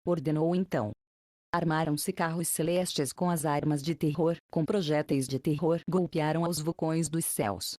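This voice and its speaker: A woman reading an ancient epic aloud as an audiobook narrator, in a measured, formal way with short phrases. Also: deep voice, steady tone, warm tone, no echo, clean studio sound.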